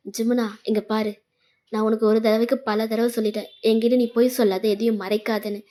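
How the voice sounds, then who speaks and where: A woman's voice: fairly high pitch, level tone, brisk, warm tone, close to an everyday voice. A woman voicing a hurt, angry young woman who scolds her boyfriend with sarcasm in a fan fiction voice-over. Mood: bitter. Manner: bitter, sarcastic.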